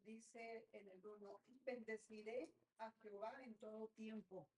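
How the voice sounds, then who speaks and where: A woman's voice: fairly high pitch, little pitch movement, measured pace, darkish tone, a little hiss or hum, low-quality recording. A woman taking part in a Bible study, sharing a personal reflection in an earnest, casual way. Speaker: course participant.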